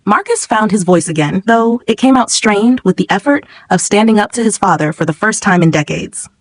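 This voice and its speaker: A woman reading a first-person story as a narrator in an even, measured way. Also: mid-range voice, no room sound.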